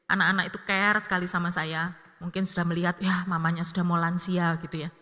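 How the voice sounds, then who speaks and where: A woman, preaching a sermon as an evangelist and telling family stories with lively acted-out dialogue. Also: on the low side, quick pace. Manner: lively, acts out family dialogue in her story. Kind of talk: sermon with personal storytelling. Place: church hall. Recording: long church-hall reverb.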